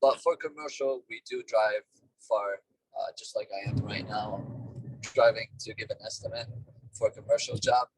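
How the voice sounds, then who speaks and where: A man talking over a car speakerphone while driving, a business owner giving plain, halting explanations in a casual interview. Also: fairly low pitch, fairly even intonation, slight background noise. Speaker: duct cleaning business owner, guest. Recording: distant car speakerphone call.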